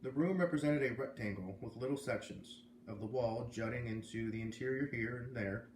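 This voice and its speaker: A medium-pitched, slightly mellow American man reads a children's novel aloud at normal speed, hosting it as a storyteller with casual asides. A roomy echo and faint background noise come through.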